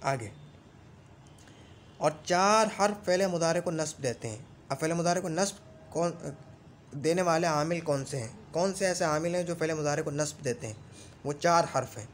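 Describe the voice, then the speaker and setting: A man teaching Arabic grammar in a classroom lesson, reciting lists of rules slowly and repeating them, and checking in often as he explains. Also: on the high side, a little hiss or hum. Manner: explains patiently with frequent check-ins.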